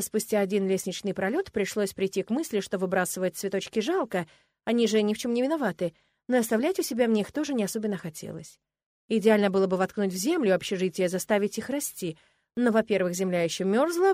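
A woman narrating a first-person novel in a lively, wry storytelling manner. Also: medium pitch, no room sound. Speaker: audiobook narrator.

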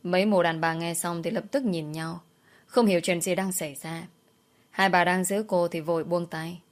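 A woman narrating a dramatic family story in a steady storytelling manner. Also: fairly low pitch, moderate pace.

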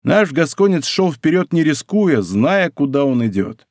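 A man reading a classic adventure novel as an audiobook, telling it in an expressive storytelling way on a close studio mic. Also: a little high, unhurried, dry recording. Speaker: audiobook narrator. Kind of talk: scripted narration.

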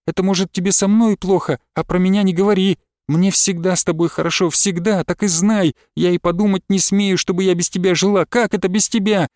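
A man's voice: high voice, steady tone, brisk, few pauses, darkish tone, no room sound, studio quality, voice pushed up, lightly acted. A man voicing a devoted young peasant wife who pleads in an earnest, tender rush of words. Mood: pleading.

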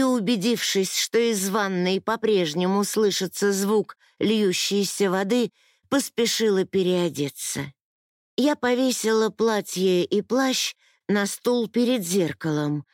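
A woman reads a novel aloud in first person, unhurried and even. Her voice sits in a middle range and the recording is dry and close. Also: medium pitch, no room sound. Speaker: audiobook narrator.

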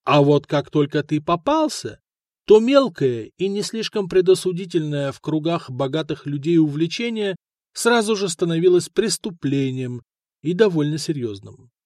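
Man narrating an audiobook, higher voice. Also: animated, normal speed, darkish tone, no room sound, clean studio sound. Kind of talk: scripted narration.

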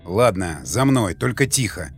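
A man voicing a gruff, wary squad commander who gives curt orders. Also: lowish voice, lively intonation, a little slow, faint music behind, pitched below the performer's own voice. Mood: tense.

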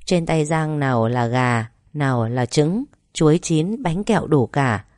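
Woman telling a family story, low voice, dry close sound. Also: lively intonation, measured pace, darkish tone, dry recording. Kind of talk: scripted narration.

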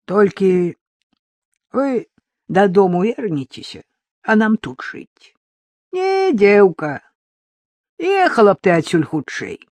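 A woman's voice: mid-range voice, very animated, slow, long pauses, darkish tone, no room sound, pitched above the performer's own voice. A woman voicing a terse, wary old village woman who speaks in a rural Belarusian-tinged dialect, for an audiobook. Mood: gruff, wary.

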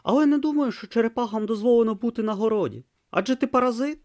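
A man's voice: very high voice, fast talker, a little mellow, no echo, studio quality, pitched above the performer's own voice. A man playing a timid, naive young novice monk who speaks earnestly and hesitantly. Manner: earnest, hesitant, wide-eyed.

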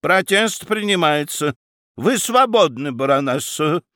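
A man's voice: fairly high pitch, lively intonation, measured pace, pushed and bright, no echo, studio quality, voice pushed up. A man voicing a stern, authoritative judge who hands down firm rulings in a dramatic story reading. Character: stern male judge presiding over a trial.

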